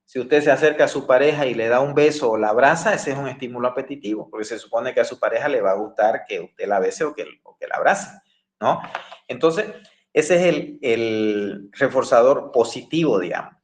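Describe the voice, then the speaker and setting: A man's voice: mid-range voice, fairly quick. A man giving a classroom lecture, explaining with everyday examples and often asking the class for agreement. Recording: echoey room.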